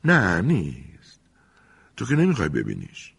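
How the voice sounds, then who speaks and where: A man voicing a mischievous schoolboy in an audiobook, hushed and teasing. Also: sits low, huge pitch swings, vocal fry, breathy edge, full character voice. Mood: sly, teasing. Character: mischievous schoolboy, sly and boastful.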